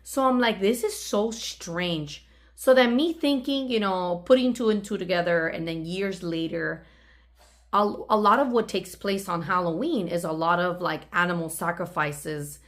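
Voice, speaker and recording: A woman with a lowish voice speaks a little slowly as she hosts her channel. She tells a personal story casually, acting out snatches of dialogue.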